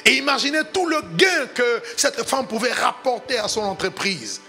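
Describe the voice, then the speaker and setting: A man's voice: very high-pitched, big pitch swings, normal speed, pushed and bright, faint music behind. A man pastor preaching a sermon in a sing-song cadence, climbing to emphatic peaks.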